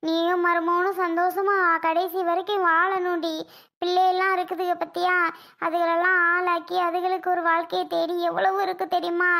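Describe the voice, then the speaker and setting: Woman voicing a headstrong old mother, cartoon, shrill high voice, firm and scolding. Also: level tone, normal speed, creaky, a bit bright, heavily acted. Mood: tender. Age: older. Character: stubborn elderly mother giving her kidney. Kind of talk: cartoon voice acting.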